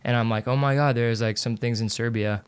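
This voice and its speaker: A man's voice: mid-range voice, steady tone, brisk, smooth, no room sound. A young man from Southern California, a guest in a casual interview, talking in a laid-back way with lots of fillers. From Santa Ana, California.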